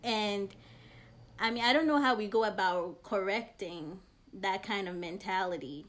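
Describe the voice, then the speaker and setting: A woman's voice: medium pitch, measured pace, fairly bright tone. A woman who grew up between Ghana and America, talking through her thoughts in an earnest, reflective way in a casual conversation.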